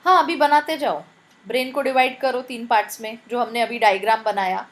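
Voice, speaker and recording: A woman's voice: on the high side, fairly quick, rough recording. A woman teacher with an Indian accent, giving a live online biology class and spelling out terms letter by letter.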